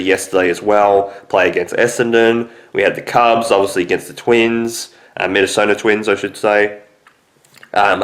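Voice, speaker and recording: A man's voice: low-pitched, a bit bright. A young man with a nasal, stuffy voice from a cold, hosting a rambling casual sports recap full of ums. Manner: rambling, heavy on fillers like um and obviously. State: sick with a cold, stuffy nose. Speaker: sports podcast host.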